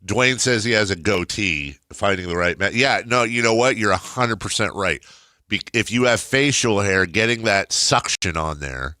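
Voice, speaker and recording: A man's voice: fairly low pitch, animated, normal speed, pushed and bright, dry recording, studio quality. A middle-aged man with a stuffed-nose, very nasal voice, talking casually and ramblingly as a talk radio host, repeating words and poking fun at himself.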